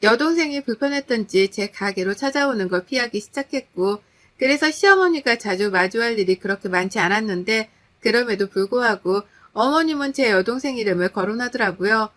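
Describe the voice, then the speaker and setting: A woman's voice: fairly high pitch, lively intonation, a little fast, fairly bright tone. Indignant woman narrating a story. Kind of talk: first-person story narration.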